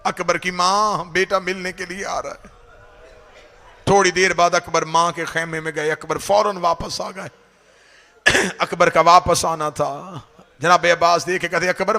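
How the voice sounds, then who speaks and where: A man reciting a mourning sermon in a high, tense voice with a gravelly edge. His storytelling is wailing and impassioned, and it keeps climbing toward cries. He is a cleric addressing a mourning gathering. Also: sharp tone. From Pakistan.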